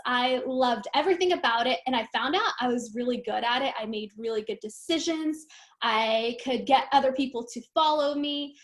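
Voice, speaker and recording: High-voiced chatty woman. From Romania. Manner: candid, chatty with frequent fillers. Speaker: guest team leader. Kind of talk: casual talk on a live stream.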